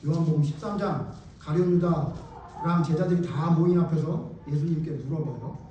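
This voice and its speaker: Guy preaching a sermon, high voice, big echoey church, mic kinda far. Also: normal speed, dark tone, dull audio, slight background noise. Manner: emphatic, questions the congregation, colloquial. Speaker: pastor. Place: church sanctuary.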